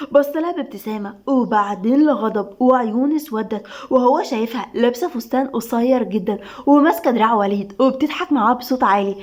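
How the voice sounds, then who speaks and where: A woman's voice: on the high side, darkish tone. A woman with an Egyptian Arabic accent, reading a romance story aloud as its narrator.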